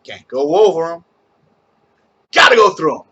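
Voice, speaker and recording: A man teaches a camp skit from home in a chatty, step-by-step way. His voice is bright and sits slightly high. He often breaks into loud, rising chanting. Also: big pitch swings, normal speed, breathy edge, highs cut off. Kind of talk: casual instructional video, chanting call-and-response.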